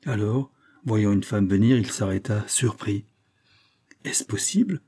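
A man narrating a classic novel as an audiobook in a slow, measured, descriptive way. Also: fairly low pitch, fairly even intonation, mellow, husky.

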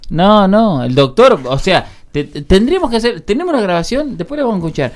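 A man's voice: high voice, sing-song, quick pace, a crowd in the background. A man with a Rioplatense accent, arguing his points emphatically as co-host of a casual talk show. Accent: Rioplatense Spanish. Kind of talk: casual radio chat.

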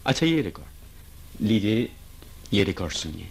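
A man's voice: fairly low pitch, very animated, vocal fry, poor audio. A man interviewing a guest on the radio, attentive and asking short polite questions. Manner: attentive, brief affirmations and questions. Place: radio studio.

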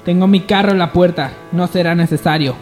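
A man's voice: high-pitched, steady tone, a little fast, darkish tone, faint music behind, close to an everyday voice. A man playing an emotional, irritable young wealthy heir in grief, in amateur radio soap opera acting. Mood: irritated. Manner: emotional, melodramatic.

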